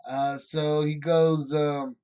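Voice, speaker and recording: A man's voice: on the high side, level tone, slow pace, a little mellow, smooth. A man leading a Bible study, retelling the story in a loose, rambling way with many asides. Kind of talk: casual Bible teaching.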